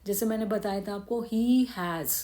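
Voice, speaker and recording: Indian woman, grammar teacher, patient step-by-step explainer, mid-pitched voice. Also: unhurried, mellow. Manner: explains step by step, asks and answers her own questions. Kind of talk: classroom grammar lesson.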